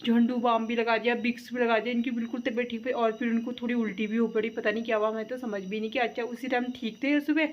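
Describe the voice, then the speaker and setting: A woman's voice: fairly high pitch, flat delivery, fast, few pauses, muffled recording, a little hiss or hum. A woman in her thirties with an Uttarakhandi Hindi accent, chatting casually through a family vlog and rambling with lots of filler. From Uttarakhand, India. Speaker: family vlogger. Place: outdoors in traffic and at home.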